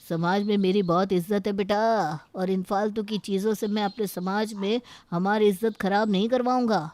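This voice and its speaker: A woman's voice: medium pitch, steady tone, normal speed, darkish tone, natural voice. A woman voicing a stern, traditional older father in a cartoon story, lecturing about family honor.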